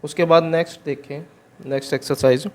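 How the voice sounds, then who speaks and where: A man teaches English grammar. He is patient and goes through each rule step by step, over and over. He reads the example sentences out slowly and clearly. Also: a little high, steady tone, a little mellow. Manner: patient, repeats each rule in simple steps. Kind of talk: explaining an English grammar exercise.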